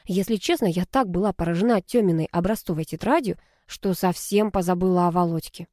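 A woman narrating a first-person story as an audiobook, in a lively, expressive storytelling manner. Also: fairly low pitch, a little fast, no echo, studio quality.

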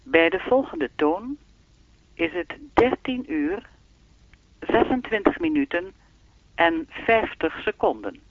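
In a radio play, a woman voices a lonely, evasive speaking clock with a will of its own, her formulaic time announcements turning into dialogue. Her low-leaning delivery is measured, formal, deadpan and automatic, heard through a narrow, tinny telephone filter with slight background noise.

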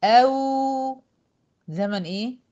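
A woman with an Egyptian accent teaching a tajweed class, patiently quizzing her students and slowly drawing out words to demonstrate. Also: sits high, mellow, lo-fi sound. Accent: Egyptian Arabic. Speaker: Quran recitation teacher. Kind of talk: online tajweed lesson.

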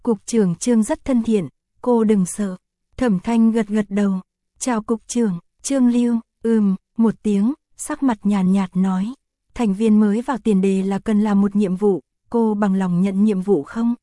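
A woman narrating an audiobook chapter in an even, unhurried reading voice, voicing the characters' lines in her own voice. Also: mid-range voice, no echo, clean studio sound.

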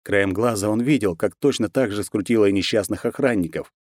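A man narrating a novel as an audiobook, reading in a steady, even storytelling manner. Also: lowish voice, fairly quick, dry recording. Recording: dry, close sound.

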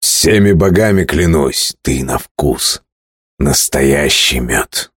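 A man reading aloud, voicing a shaggy barbarian who speaks in a slow sing-song chant. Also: rumbling low, expressive, a bit bright, husky, dry recording, studio quality, full character voice. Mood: amorous. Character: shaggy blond male barbarian lover.

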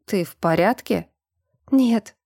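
Female reader playing a high, tearful young woman quick to flare up, mellow tone, dry audiobook read. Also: expressive, vocal fry, husky, dry recording, heavily acted. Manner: pleading, then shrill and indignant.

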